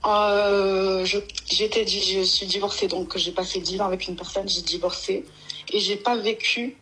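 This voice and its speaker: A woman's voice: mid-range voice, fairly even intonation, moderate pace, fairly bright tone, husky, rough recording. A woman phoning in to tell a long personal story, rambling and emotional, with many restarts. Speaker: caller. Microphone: phone.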